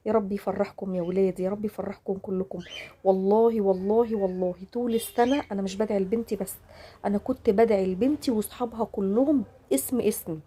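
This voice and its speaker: An Egyptian woman in her forties talks straight to her viewers from home at a rapid clip. Her voice is dark and a little husky, and her speech is full of oaths and blessings. She comes across as emotional and devout. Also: medium pitch. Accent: Egyptian Arabic. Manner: emotional and devout, frequent religious phrases and oaths. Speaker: vlogger. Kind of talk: casual chat to camera. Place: home, during a power cut.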